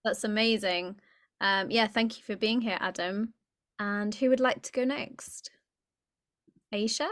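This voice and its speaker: A woman's voice: medium pitch, steady tone, measured pace, pauses often, a bit bright, no room sound, studio quality. Effusive woman hosting a video call. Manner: encouraging and effusive. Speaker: host.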